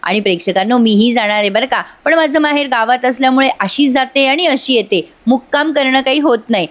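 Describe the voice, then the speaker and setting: A woman's voice: sits high, brisk. A woman giving a chatty voice-over recap of a TV serial, speaking straight to her audience. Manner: chatty, addresses the audience directly. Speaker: TV serial reviewer.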